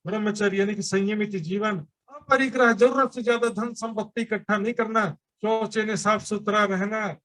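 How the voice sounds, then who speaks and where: A man's voice: sits high, fairly even intonation, moderate pace, hardly any pauses, fairly bright tone. A man giving a sermon at a temple gathering, explaining his teaching with everyday examples and rhetorical questions. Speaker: preacher.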